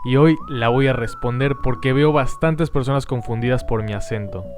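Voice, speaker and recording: A man, host of a history channel, calmly answering viewer questions in scripted narration. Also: mid-range voice, moderate pace, music in the background. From Mexico and Argentina.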